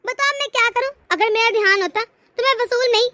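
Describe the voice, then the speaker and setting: A woman voicing a complaining, sharp-tongued young wife in a cartoon story. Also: very high-pitched, fairly quick, dry recording, clean studio sound. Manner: whiny, indignant.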